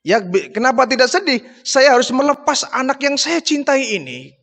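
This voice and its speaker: A tearful, devoted nursing mother who begs to keep the child she raised, as a male preacher puts her on. The voice rides high and emotional. A long reverb trails every line. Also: moderate pace, a bit bright. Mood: tearful pleading. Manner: emotional, pleading storytelling voice.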